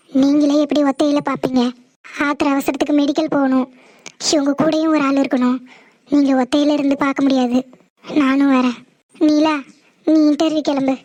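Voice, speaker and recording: A woman's voice: high voice, a little mellow, no echo, lightly acted. A woman voicing an earnest, caring young wife in a cartoon. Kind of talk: cartoon voice acting.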